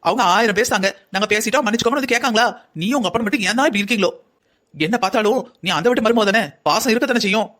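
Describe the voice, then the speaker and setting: A man's voice: sits high, rapid-fire, a bit bright. A man voicing a stern middle-aged mother in a cartoon story who scolds her daughter with rhetorical questions. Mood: scolding.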